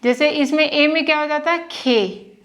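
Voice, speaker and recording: A woman's voice: high voice, moderate pace, fairly bright tone. A woman teaching how to spell names, patiently sounding out syllables and checking in with the listener. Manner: patient, repeats and checks with "ठीक है". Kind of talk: slow spoken lesson.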